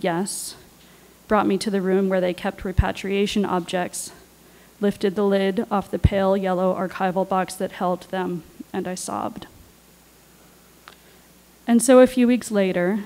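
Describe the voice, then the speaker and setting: A woman on a panel, reading her own personal essay aloud in a measured, deliberate way. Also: medium pitch, darkish tone, low-quality recording. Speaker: writer and panelist.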